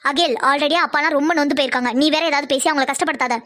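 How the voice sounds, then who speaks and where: A woman voicing the wife and mother in an animated family drama, speaking in a pleading, soothing way. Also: high voice, rapid-fire. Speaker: cartoon voice artist voicing the women of the family.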